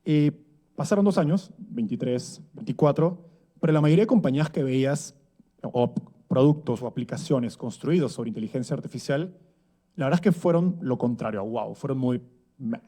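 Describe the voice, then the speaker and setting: A man's voice: medium pitch, moderate pace, warm tone. A man, giving a conversational talk at an event with many fillers and rhetorical tags. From Peru. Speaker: speaker giving a conference talk. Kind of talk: conference talk. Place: event stage before an audience.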